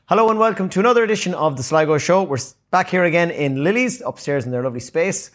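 A man with an Irish accent hosting a casual podcast interview, chatty and quick to chip in. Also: on the high side, lively intonation, a bit bright. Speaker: podcast host. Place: furnished upstairs room in a venue.

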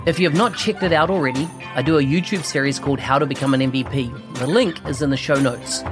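A man's voice: a little high, fast talker, music in the background. A man hosting a podcast interview, reading a sponsor spot and then asking a guest questions in an eager, upbeat way. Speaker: podcast host.

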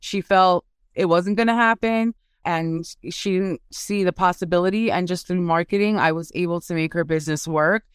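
A woman's voice: fairly low pitch, moderate pace, clear, resonant tone, no room sound, clean studio sound. A woman guest in a casual interview, talking about her work in a candid, sassy, sarcastic way. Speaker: guest, marketing business owner. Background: soft meditation music.

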